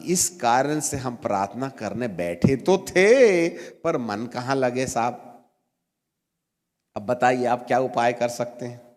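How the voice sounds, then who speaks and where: A middle-aged man preaching a storytelling sermon, animated and acting out the voices in his story, rising to emphatic peaks. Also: mid-range voice, slow. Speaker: bishop preaching. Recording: long hall reverb.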